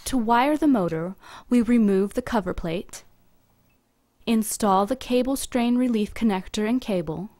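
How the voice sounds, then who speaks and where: A woman reading a scripted instructional voice-over in an even, measured, step-by-step manner, recorded apart from the pictured workshop. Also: fairly high pitch, dry recording. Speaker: company video narrator.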